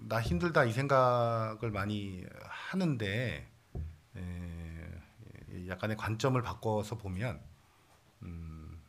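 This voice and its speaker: A man's voice: lowish voice, a bit bright. A man preaching a Sunday sermon as pastor, conversational and playful, with many fillers. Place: church sanctuary.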